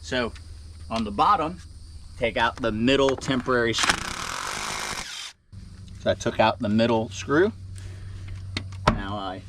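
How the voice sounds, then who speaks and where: A man's voice: mid-range voice, measured pace, pauses often, background noise. A man hosting a vlog, casually explaining his work as he goes and out of breath from the labor. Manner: rambling, explains as he works. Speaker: animal keeper and vlog host. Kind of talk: casual vlog narration while working. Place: outdoors by animal enclosures.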